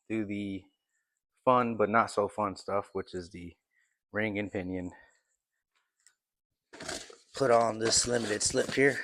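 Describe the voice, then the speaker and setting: Low-voiced man muttering in his garage. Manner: muttering to himself while working. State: out of breath. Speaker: vlogger working on his truck axle. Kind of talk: casual workshop vlog. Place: garage workshop, partly outdoors in wind.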